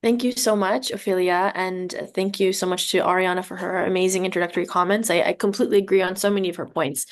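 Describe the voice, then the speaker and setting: A woman, a tech company CEO, giving a conversational personal account on a webinar video call, with many ums and restarts. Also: medium pitch. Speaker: tech CEO, panel guest.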